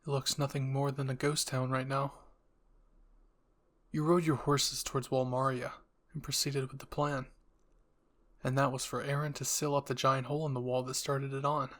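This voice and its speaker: A man with a medium-pitched, fairly bright voice narrates a scripted listener roleplay as its storyteller. He uses the second person to place the listener inside the tale, with a flat delivery at a moderate pace.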